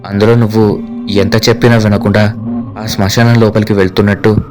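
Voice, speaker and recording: A man's voice: on the low side, flat delivery, brisk, over music, close to an everyday voice. A man voicing Hari, a frightened friend.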